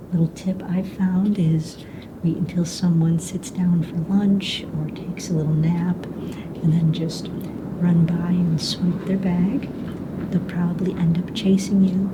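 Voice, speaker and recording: In a lightly acted ASMR roleplay, a woman plays the calm, friendly, unhurried mistress of ceremonies of a fantasy dragon egg hunt, speaking in a soft, breathy whisper in a slightly low register. Her mood is casual and conspiratorial; she's hesitant and explanatory, matter-of-fact about rules and danger. It's a noisy close recording with a low rumble, and the background noise is clearly audible.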